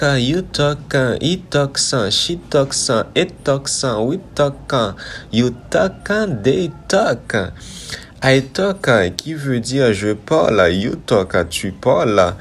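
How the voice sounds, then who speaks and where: Slow, patient man drilling verb lessons. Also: medium pitch, a little hiss or hum. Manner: slow, repetitive drilling, asks "Ok?" often. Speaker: English teacher. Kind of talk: conjugation lesson with repetition.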